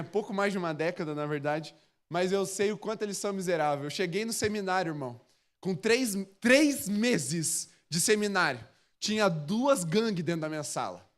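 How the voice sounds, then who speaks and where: A Brazilian pastor in his thirties preaches from the pulpit, his voice sitting fairly high for a man. He speaks with a Brazilian Portuguese accent and tells lively anecdotes, shifting into the voices of the people in his stories. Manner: animated storyteller, acts out quoted voices. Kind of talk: sermon with storytelling. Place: church sanctuary.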